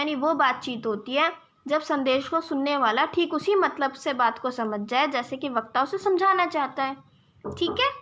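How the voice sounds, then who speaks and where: A woman's voice: high-pitched, sharp tone. A young woman teaching an exam-prep lesson, explaining step by step and checking in with her viewers as friends. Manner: addresses viewers as "friends", gives examples.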